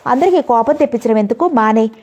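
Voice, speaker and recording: A woman's voice: on the high side, animated, quick pace, a little mellow. A woman voicing a worried middle-aged mother who warns her daughter in a spoken story. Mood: anxious, stern. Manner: pleading, warning.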